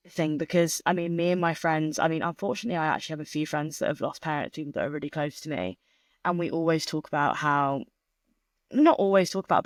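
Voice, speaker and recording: A woman in her twenties, a guest on a podcast, speaking in a thoughtful, measured and open way. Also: deep voice, no echo, studio quality. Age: 20s. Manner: thoughtful and measured, speaking openly about grief. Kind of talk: candid interview conversation.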